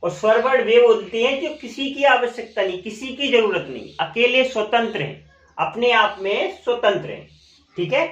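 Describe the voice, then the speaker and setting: A male teacher giving a classroom lesson, asking questions and answering them himself, and repeating key terms slowly. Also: extremely high pitch, animated, a bit bright. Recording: echoey room, dull lo-fi sound.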